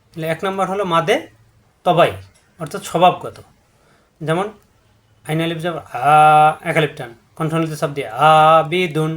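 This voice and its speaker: A man gives a step-by-step Quran recitation lesson. He repeats each rule patiently and draws out example syllables to show their length. His voice sits somewhat high for a man. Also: fairly bright tone. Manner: patient, repetitive, drawing out syllables to demonstrate.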